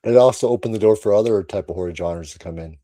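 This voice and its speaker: A man's voice: fairly low pitch, fast, dark tone, no echo. A man hosting a casual horror podcast chat, laughing often and trailing off with "so". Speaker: channel host.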